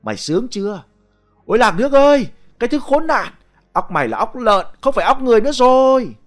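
A man reading a ghost story aloud, voicing a coarse, jealous middle-aged man who shouts insults. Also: extremely high pitch, very animated, fairly quick, faint music behind, voice pushed up. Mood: raging.

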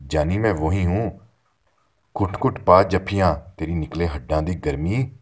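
A man voicing a haunted, weary, burly man who answers in a hushed, lifeless, evasive way. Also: deep voice. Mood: hollow.

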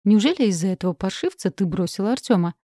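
A woman's voice: medium pitch, lively intonation, fast, dark tone, dry recording, clean studio sound, lightly acted. A woman voicing a strict, furious middle-aged mother who gives harsh commands in an audiobook. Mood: angry.

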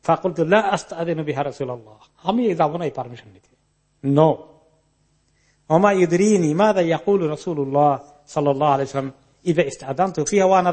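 A man with a high voice delivers a Quran commentary lecture. He recites Arabic narration and explains each part. He retells the story in the first person and mixes English words into his speech. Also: darkish tone.

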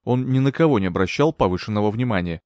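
A man reading a novel aloud as a narrator, expressive and dramatic. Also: lowish voice, fast, no room sound, clean studio sound. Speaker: audiobook narrator. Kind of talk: scripted narration.

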